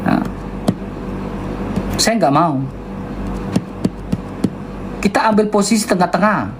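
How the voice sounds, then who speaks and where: A man with an eastern Indonesian accent delivering a heated livestream rant in a loud, high-toned, insistent way. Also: lively intonation, moderate pace, noisy background. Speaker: debater on a livestream.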